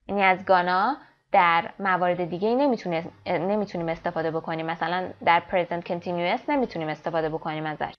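Woman language teacher with an Afghan Dari accent who alternates quick explanations with slow, careful example sentences, recorded on a dull lo-fi track. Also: medium pitch. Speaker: English teacher. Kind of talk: classroom language lesson.

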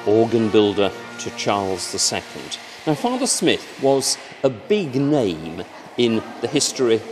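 An Englishman in his sixties with an English accent leads a tour of a church organ, speaking slowly and unhurriedly. His voice rises and falls with real enthusiasm. He talks into a handheld microphone in a large church, with faint music behind him. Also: mid-range voice. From England. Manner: warm, enthusiastic and descriptive, with lilting emphasis. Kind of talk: guided tour talk.

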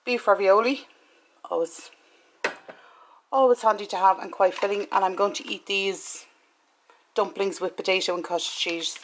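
With a steady, medium-pitched voice at normal speed, an Irish woman in her forties pauses often while chatting matter-of-factly about shopping for her vlog. The setting shifts between a home kitchen and a car interior. Clicks and clear background noise are present.

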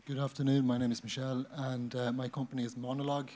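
A man in his thirties making a hesitant company pitch to an audience. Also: flat delivery, quick pace, dark tone. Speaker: business owner. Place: large conference stage, indoors. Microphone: handheld microphone. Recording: stage mic, faint background noise.

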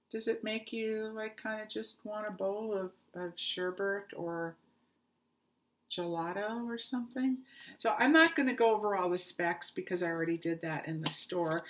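Slow-talking tired woman chatting about yarn. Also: medium pitch, fairly bright tone. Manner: chatty, enthusiastic, stumbles and restarts words. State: tired, voice fading. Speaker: crochet vlogger showing yarn haul. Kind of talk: casual chat to camera.

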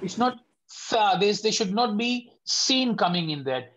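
A man's voice: high-pitched, big pitch swings, a bit bright. Patient male teacher on an online call. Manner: patient, demonstrates sounds slowly and repeats them. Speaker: Tajweed teacher. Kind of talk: online lesson, correcting students. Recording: slightly dull lo-fi audio.

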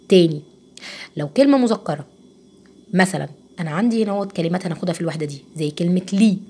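A woman teacher with an Egyptian Arabic accent explains French grammar to young pupils. She is patient, says words slowly and often checks that they follow. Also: lowish voice, a little mellow, a little hiss or hum.

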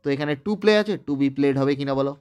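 A man's voice: medium pitch, fairly quick, a little mellow, clear, resonant tone. A man from West Bengal with a Bengali accent, teaching an English grammar lesson step by step and often checking that his students have understood. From West Bengal, India. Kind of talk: recorded online grammar lesson.

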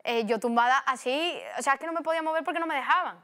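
Woman telling a lively story. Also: high-pitched, very fast. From Spain. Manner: lively storytelling with acted-out quotes. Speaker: guest footballer. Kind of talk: casual chat.

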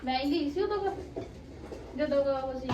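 A woman's voice: high voice, normal speed, far from the mic. A woman with a Punjabi accent chatting casually with family in an emphatic, repetitive way. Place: echoey room in a family home. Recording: very noisy, echoey, off-mic home recording.

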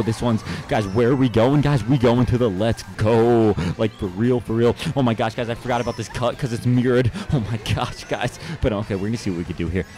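Fast-talking hyper young man gaming. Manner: hyper, slangy, keeps calling out "guys", bursts into high yelps. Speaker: gaming channel host. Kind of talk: live gameplay commentary.

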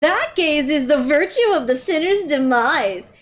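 Woman doing a gleeful sadistic villainess, high voice, lively swoops, game dialogue read aloud. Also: unhurried. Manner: grand, mocking, relishing cruelty.

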